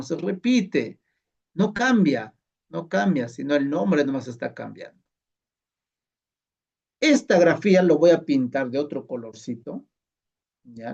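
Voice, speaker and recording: Man, teacher, slow and patient, slightly high voice, muffled and off-mic. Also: gravelly, a little mellow, far from the mic. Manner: slow, patient, repeats sounds and asks "¿ve?". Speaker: Quechua teacher. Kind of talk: classroom lesson. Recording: muffled sound from away from the mic.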